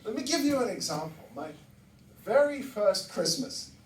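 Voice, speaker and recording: A man from Barbados doing a stand-up set, animated and swearing, with sudden loud outbursts. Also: high-pitched, moderate pace. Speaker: stand-up comedian. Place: comedy room with laughing audience. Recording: roomy echo, mic heard from a distance, noisy.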